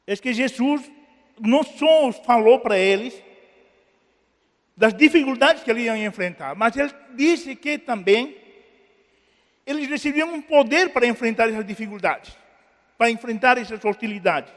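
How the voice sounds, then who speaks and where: A Brazilian man preaching a sermon in a high, light voice, with long reverb trailing off the walls of a church hall. He talks earnestly, swelling up and then sinking into quiet pleading. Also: expressive, moderate pace, long pauses. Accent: Brazilian Portuguese. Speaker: pastor.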